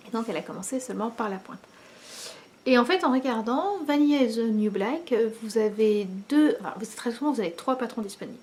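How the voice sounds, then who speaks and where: A woman, likely in her thirties, chatting casually to the camera at home as host of a knitting video, pausing often with many fillers. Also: fairly high pitch, lively intonation, darkish tone. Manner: hesitant, many pauses and fillers.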